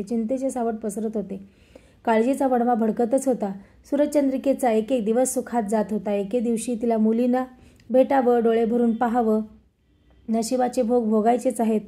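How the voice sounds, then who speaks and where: A woman narrating a devotional story in a measured, steady storytelling manner. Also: on the high side.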